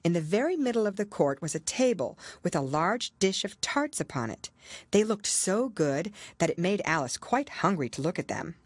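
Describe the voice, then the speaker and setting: Female audiobook narrator: lowish, animated storybook delivery, very dry sound. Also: normal speed, dry recording. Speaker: audiobook reader. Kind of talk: expressive scripted storybook narration.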